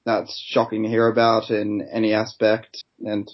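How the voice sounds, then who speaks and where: A man's voice: fairly low pitch, completely flat delivery, moderate pace. Australian man talking sport, dull lo-fi sound. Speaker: podcast panellist. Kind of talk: casual sports discussion.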